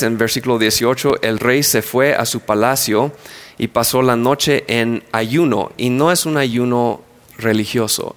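A man's voice: medium pitch, gravelly. A man preaching a sermon, retelling a story with playful asides and acted-out scenes. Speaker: pastor.

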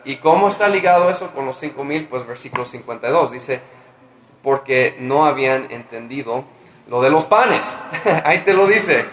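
A man preaching a sermon in a conversational way, with many restarts, swinging between loud exclamations and quiet near-whispers. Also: mid-range voice, reverberant. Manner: speaks with restarts and fillers, conversational.

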